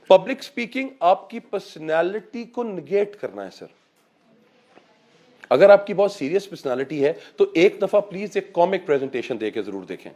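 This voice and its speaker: Animated man coaching public speaking. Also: fairly high pitch. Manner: animated, mixes Urdu and English, addresses listeners as sir. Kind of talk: motivational talk to a class.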